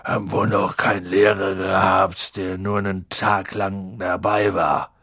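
A huge, gruff half-giant gamekeeper, as a male narrator puts him on, low and gravelly with a slow, heavy, slurring delivery. He sounds drunk and downcast, his husky voice dragging through every word of the storybook scene. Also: flat delivery, fairly bright tone, dry recording, studio quality, full character voice. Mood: gloomy.

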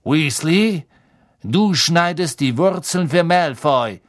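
A cold, menacing professor, as a male audiobook reader puts him on speaks slowly and flatly. Each word is measured and icy. He sounds set apart and distant from the listener. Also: fairly high pitch, voice pushed up. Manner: slow, even, icy.

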